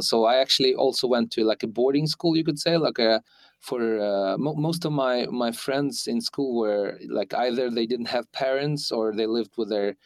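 Halting man in his forties, dry sound. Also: mid-range voice, dry recording. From Ukraine. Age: 40s. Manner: halting, many restarts and fillers. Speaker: interview guest. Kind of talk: hesitant conversational interview. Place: Sweden.

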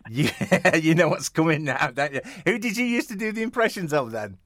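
A man's voice: fairly high pitch, lively intonation, moderate pace, a bit bright, no echo, studio quality. A man hosting a radio interview in a casual, chatty way, rambling with frequent restarts and fillers, and chuckling often. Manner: jovial, chuckling. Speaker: radio host. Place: radio studio.

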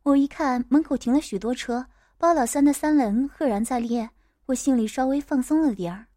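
A woman narrating a first-person audiobook story in a steady, plain way. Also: high-pitched, brisk, no room sound, clean studio sound.

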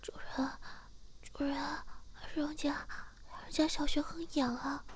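A woman voicing a pleading young wife in a whispered role-play story, breathy and whimpering, pitched well above her own voice. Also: steady tone, slow.

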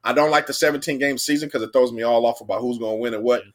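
A man's voice: medium pitch, very fast. A young man co-hosting a sports podcast, rambling and repeating himself as he argues his predictions. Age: young adult. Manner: rambling, repeats himself, animated when arguing. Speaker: podcast co-host. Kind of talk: casual sports debate.

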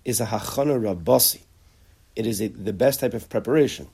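A man's voice: on the low side, fairly quick, creaky, a little mellow, breathy edge. A man teaching a conversational lecture on character traits, acting out bits of dialogue and often restarting his sentences. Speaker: Torah teacher.

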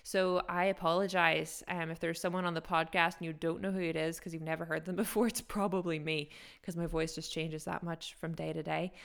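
Speaking with a fairly low pitch, she keeps a flat, brisk delivery with vocal fry, hardly pausing, and the tone comes through clean. The same young co-host, Japan-born and American-raised with a mixed American, Scottish and Northern Irish accent, keeps the casual podcast chat going in her chatty, self-deprecating way.

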